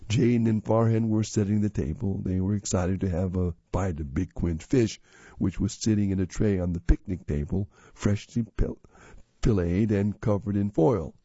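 A man reading magazine stories and articles aloud in a steady, measured way. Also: low voice, dry recording. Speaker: magazine reader. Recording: dull lo-fi recording.

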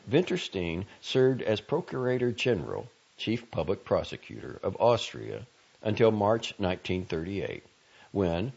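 A man narrating a magazine article in a slow, deliberate, grave manner. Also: low voice, a little mellow, dull audio. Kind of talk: measured audio article narration.

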